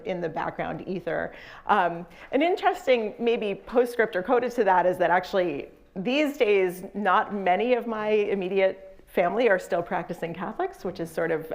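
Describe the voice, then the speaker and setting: A woman professor from Massachusetts tells her personal story in a chatty, relaxed way, with many fillers and self-corrections. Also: fairly low pitch, gravelly. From Massachusetts, USA. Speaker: professor and guest speaker. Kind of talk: casual personal storytelling in an interview.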